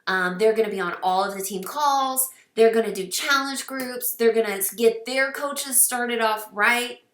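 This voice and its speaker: A woman's voice: fairly high pitch, measured pace, a bit bright, roomy sound, far from the mic. A woman in her thirties or forties, a team coach giving an earnest, encouraging recruiting talk with many fillers, getting teary at times. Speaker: fitness business team coach. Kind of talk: casual recruiting talk to camera.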